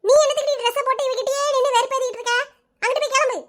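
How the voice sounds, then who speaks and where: A woman's voice: very high-pitched, steady tone. A woman voicing a harried, scolding village mother in a cartoon, with a southern Tamil Nadu accent. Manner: brisk, scolding. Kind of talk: cartoon voice acting.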